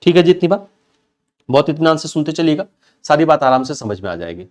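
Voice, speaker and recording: Guy teaching online exam prep, chatty, keeps checking everyone gets it, voice a little high. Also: very animated, fast talker, darkish tone. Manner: chatty, repeats points and checks in with students. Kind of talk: online banking law lecture.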